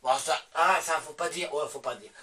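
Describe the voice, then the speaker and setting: Man, Belgian French accent, sarcastic swearing rant, bright high voice, a bit off-mic. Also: normal speed, distant mic. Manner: sarcastic, swears, talks back to himself in asides. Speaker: vlogger. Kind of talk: casual ranting monologue.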